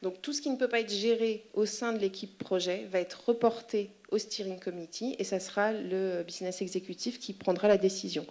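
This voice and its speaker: A woman giving an explanatory presentation to a professional conference, in a medium-pitched voice. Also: steady tone, fairly quick, hardly any pauses, a little mellow. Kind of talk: explanatory presentation with questions and answers.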